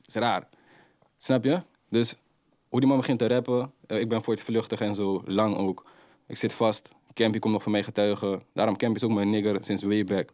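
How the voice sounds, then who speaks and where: A young adult man, a rapper guest telling street stories in animated, slang-heavy casual talk. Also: lowish voice, moderate pace, no echo. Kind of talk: casual interview storytelling.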